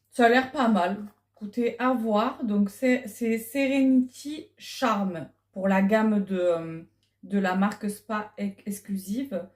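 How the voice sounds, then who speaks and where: Wearing a lapel mic, this middle-aged vlogger talks casually while unboxing, hesitating often and filling pauses. Her voice is medium-pitched and slightly mellow.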